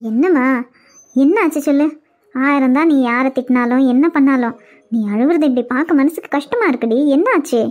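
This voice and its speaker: A woman's voice: high-pitched, brisk, narrow, tinny audio, natural voice. Woman doing a bossy older auntie in a cartoon. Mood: bossy, caring. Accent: Kanyakumari Tamil. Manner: bossy, coaxing, scolding. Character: older aunt, scolding yet caring elder woman. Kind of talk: cartoon web series voice acting.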